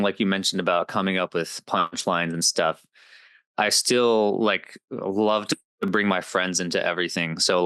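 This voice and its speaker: A man's voice: deep voice, a bit bright, clean tone, no echo. A man in his twenties, a comedy creator, chatting casually as a guest, upbeat and rambling with lots of fillers. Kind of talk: casual interview chat.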